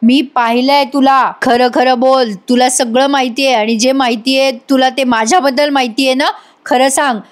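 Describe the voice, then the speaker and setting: A woman's voice: high voice, steady tone, moderate pace, natural voice. A woman doing a bullying villainous aunt. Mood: threatening. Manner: menacing, bullying. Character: scheming threatening middle-aged aunt, domineering villain.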